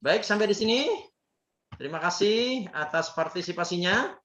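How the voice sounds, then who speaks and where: A man's voice: high voice, animated, normal speed, fairly bright tone. A man teaching a grammar class, drilling students by repeating words and quizzing them. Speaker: Islamic teacher. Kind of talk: Arabic grammar class with call-and-response. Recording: echoey, dull lo-fi, faint noise.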